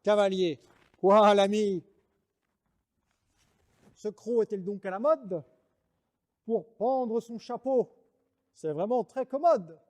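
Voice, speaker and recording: A man's voice: fairly high pitch, lively intonation, takes it slowly, pauses often, dark tone. An actor playing a proud, mocking swordsman poet in a French verse monologue, declaiming like a hammy stage actor. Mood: bombastic. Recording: reverberant hall sound.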